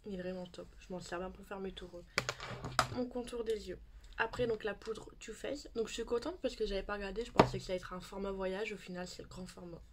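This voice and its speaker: A woman's voice: medium pitch, steady tone, a little fast, heavy background noise. A woman in her thirties chatting casually as she shows her beauty purchases in a home video. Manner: chatty, showing products to camera. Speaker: beauty YouTuber. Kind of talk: casual haul vlog.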